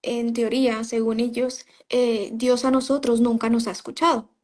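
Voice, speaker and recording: A woman's voice: on the high side, level tone, moderate pace, darkish tone. A woman giving a personal testimony in an interview, telling her story in a conversational way and often quoting what she said at the time. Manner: storytelling, often quoting herself, frequent "¿sabes?" and "o sea". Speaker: interview guest, former member of a religious group.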